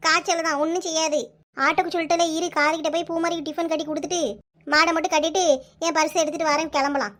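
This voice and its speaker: A kindly but bossy older village woman in a cartoon, scolding and reassuring at length in a Kanyakumari Tamil accent, as a woman voices her. Her voice is pitched extremely high. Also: flat delivery, fast talker, fairly bright tone.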